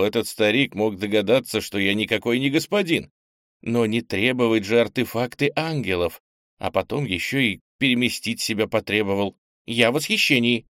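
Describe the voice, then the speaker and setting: A man voicing a wary but bold young man who talks in a brisk, wry way. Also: lowish voice, dry recording, clean studio sound, natural voice.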